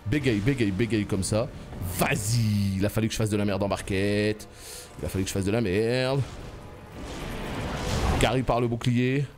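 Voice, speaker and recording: A man giving live gameplay commentary, shouting, pleading and joking sarcastically at the boss he fights. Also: lowish voice, moderate pace, long pauses, over music. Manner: excitable, yells and pleads at the boss; teasing, sarcastic banter. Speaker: gaming YouTuber.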